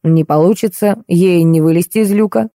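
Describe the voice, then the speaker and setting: A woman's voice: fairly low pitch, moderate pace, dark tone, dry recording, clean studio sound, close to an everyday voice. A woman reading the lines of a pompous, bossy middle-aged police colonel in an audiobook. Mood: commanding. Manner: pompous commanding.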